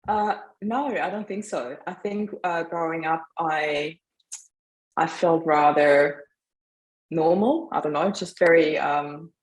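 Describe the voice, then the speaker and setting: A middle-aged woman from Austria talks as a podcast guest, telling her story in a relaxed way. She is chatty, laughs readily and fills pauses with "um" and "you know". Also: deep voice, poor audio. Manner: chatty, laughs often, trails off with fillers. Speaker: mindset coach. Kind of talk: casual interview.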